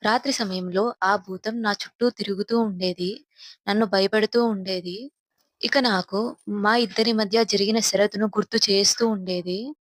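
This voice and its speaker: A woman's voice: medium pitch, fairly even intonation, normal speed, no room sound. A woman narrating a first-person horror story in a grave, tense manner.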